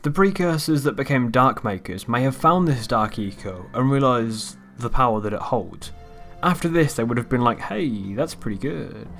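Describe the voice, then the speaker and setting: A man's voice: medium pitch, lively intonation, normal speed, fairly bright tone, soft background music. A man hosting his own video channel, walking through a game theory recap in an offhand, rambling way that trails off. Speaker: YouTube channel host. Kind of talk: casual narrated video outro.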